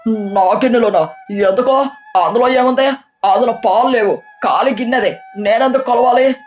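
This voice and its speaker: A woman voicing a cheating middle-aged male village milk trader who blusters and stammers, with a lower, somewhat different tone. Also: brisk, soft background music, lightly acted. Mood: flustered. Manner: blustering, then stammering and flustered.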